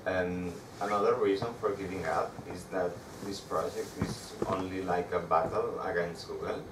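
Speaking to a meetup crowd, this young man explains technical material from slides, his Spanish-accented voice low and flat as he repeatedly stumbles and restarts. He stands in a dark room with a projector screen, and the far camera captures roomy, distant sound with background noise.

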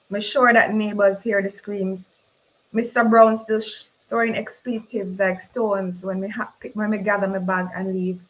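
Author reading from her novel, slow measured dialect delivery, middle pitch. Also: low-quality recording.

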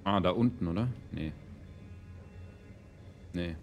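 A man's voice: low-pitched, slow, creaky, darkish tone. A man giving casual gaming commentary as he plays, rambling in slangy, sweary language. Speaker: let's player. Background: game music.

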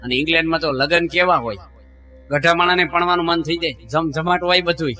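A man's voice: on the high side, steady tone, fast, bright, forceful tone, faint music behind. A man, a monk giving a devotional sermon, telling folksy stories and acting out the voices of the people in them. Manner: folksy storyteller acting out quoted dialogue. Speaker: monk preacher.

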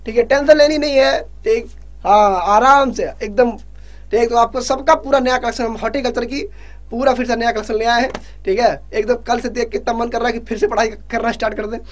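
A male exam prep teacher leading a live online revision class. He keeps pushing students to answer fast and jokingly scolds them. He reads the English questions out slowly and explains them in Hindi. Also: extremely high pitch.

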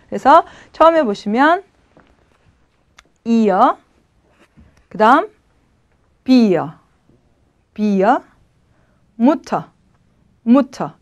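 A woman teaching German pronunciation to Korean learners, patiently saying each word slowly and then repeating it. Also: fairly high pitch. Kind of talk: pronunciation lesson.

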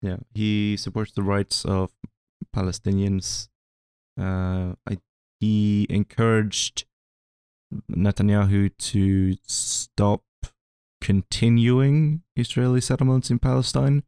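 A man's voice: on the low side, level tone, slow pace, warm tone, clean tone, no room sound. A man co-hosting a podcast, talking politics in a casual, hesitant way with dry jokes. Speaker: podcast co-host.

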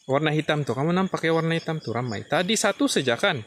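A man vlogging a ghost hunt outdoors at night. He talks excitedly to his viewers and sometimes drops to a hushed murmur. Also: on the high side, fast, slight background noise. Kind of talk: night exploration vlog.

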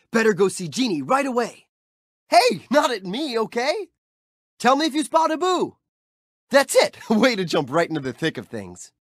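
A cheerful young-adult street-thief hero from a video game chats playfully and cheers the player on in a friendly, upbeat way. His high voice swoops widely up and down with a bright, youthful bounce and a heavily acted delivery. The recording is dry and close on a studio mic, with no room sound.

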